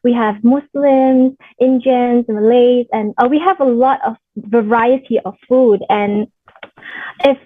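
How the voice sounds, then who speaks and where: A woman in her twenties from Singapore, a guest answering interview questions politely, with small pauses. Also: fairly high pitch, steady tone, dry recording. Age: 20s. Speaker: guest, pageant contestant. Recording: tinny phone-like line.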